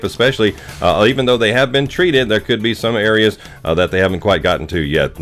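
A man's voice: fairly low pitch, fairly bright tone. A man giving a live radio traffic report and reading a short sponsor message.

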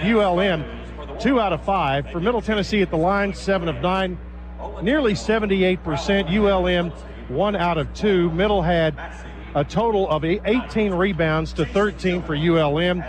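A man's voice: sits high, moderate pace. A man with an American accent hosting a sports broadcast, reading halftime statistics.

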